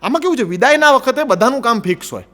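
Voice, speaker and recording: A man with a Gujarati accent doing animated stand-up storytelling, acting out the people in his jokes. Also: very high-pitched, very fast, in a large hall. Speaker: stand-up comedian.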